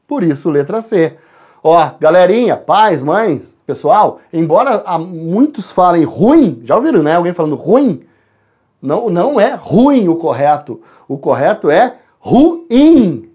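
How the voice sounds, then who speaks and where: Lively male teacher, chatty lesson, speaks to the class and parents. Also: high voice, slightly rough. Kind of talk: exam answer walkthrough.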